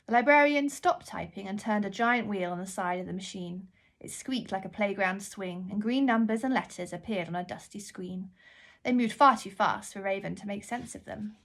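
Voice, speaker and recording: A woman author reads her own children's book aloud, telling the story expressively. Her pitch is medium and she speaks at a normal speed.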